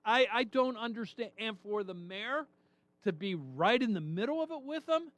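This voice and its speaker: A man's voice: high-pitched, lively intonation, moderate pace, a bit bright, dry recording. A man hosting a talk radio show, delivering an indignant, emphatic monologue full of rhetorical questions.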